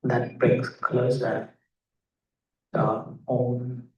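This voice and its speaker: The mic picks up this meditation leader from a distance, in an echoing space, and the recording is muffled. He has a medium-pitched, monotone voice and proceeds slowly and measuredly, in short phrases with pauses, giving teacher-like step-by-step instructions.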